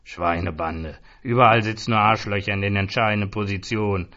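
A man voicing a gruff, swearing middle-aged pub landlord. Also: fairly low pitch, steady tone, fairly quick, sharp tone, muffled recording. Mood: grumbling. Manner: grumbling, blunt, swearing.

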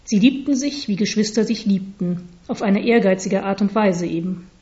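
Woman narrator, deadpan story reading, mellow dark voice, slightly dull recording. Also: medium pitch, moderate pace.

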